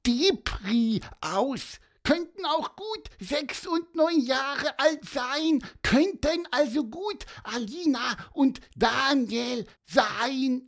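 A woman's voice: high-pitched, lively intonation, very slow, hardly any pauses, heavily acted. A woman voicing a small, eager, helpful bird in an audio storybook, chatty and stammering with fillers.

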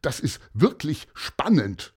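A man's voice: fairly high pitch, sing-song, slow, darkish tone, breathy edge, pitched above the performer's own voice, full character voice. A man voicing an enthusiastic friend who explains things in a children's story. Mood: excited. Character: eager grown-up friend explaining the body.

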